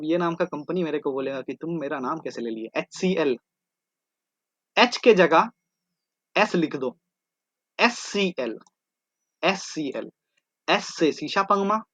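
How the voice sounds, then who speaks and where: A man's voice: fairly high pitch, fairly bright tone, no room sound. A man teaching an online exam-prep class, drilling terms by repetition and joking between them. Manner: repeats terms in chanted drills, jokey asides.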